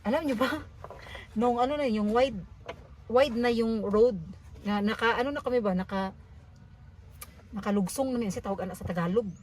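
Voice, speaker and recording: Excitable Filipino woman telling a story. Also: a little high, moderate pace, pauses often. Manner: animated storytelling mixing languages. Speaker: vlogger. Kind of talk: casual vlog chat.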